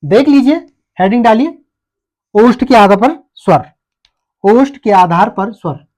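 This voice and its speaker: A man's voice: high-pitched, lively intonation, a little slow, darkish tone. Man teaching, answering his own questions. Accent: Uttarakhand Hindi. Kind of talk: exam-prep lesson.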